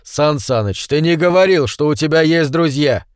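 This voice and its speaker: A man's voice: animated, moderate pace, clear, resonant tone, dry recording, clean studio sound, natural voice. A man voicing a fat, childish middle-aged man who babbles and pleads in a whiny voice. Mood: chattering. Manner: whiny, high-pitched, babbling.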